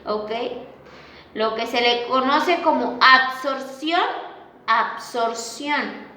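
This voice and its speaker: A woman lecturing slowly, with a high, bright voice, who keeps pausing to ask her class if they follow. The room around her is echoey, and her words ring out as she stretches out each example word with care. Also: a little hiss or hum. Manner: slow and deliberate, checks understanding with a frequent questioning "¿ok?". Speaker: teacher.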